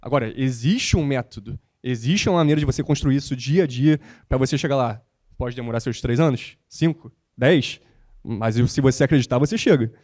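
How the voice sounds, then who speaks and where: A young man speaks as a panel guest, full of motivational energy and casual slang. His voice has a mellow, dark tone. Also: medium pitch, fairly quick. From born in the United States, raised in Rio de Janeiro. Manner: animated and motivational, slangy with frequent "cara" and "pô". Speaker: guest, basketball content creator. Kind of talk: panel talk on stage.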